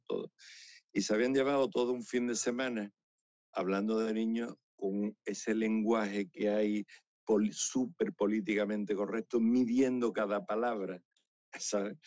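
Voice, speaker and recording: A man, a romancero performer telling anecdotes in a chatty, animated way and laughing often. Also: fairly low pitch, no room sound. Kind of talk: casual interview storytelling. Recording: slightly dull, dry radio recording.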